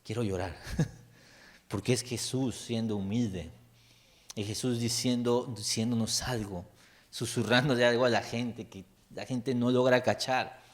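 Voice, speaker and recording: A man's voice: mid-range voice, fairly even intonation, unhurried. Mexican man preaching in a chatty tone. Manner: informal, joking storytelling with rhetorical questions. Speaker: pastor. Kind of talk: conversational sermon.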